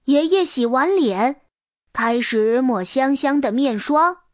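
Slow, gentle high-voiced woman storyteller. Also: animated, no room sound, clean studio sound. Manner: gentle, unhurried, tender. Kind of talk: storybook read-aloud narration.

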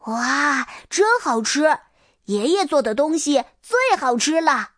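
A woman's voice: high voice, lively intonation, takes it slowly, fairly bright tone, no room sound, clean studio sound, exaggerated voice. A woman voicing a cheerful, caring little girl in a storybook reading. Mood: chirpy. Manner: sweet, coaxing, chirpy.

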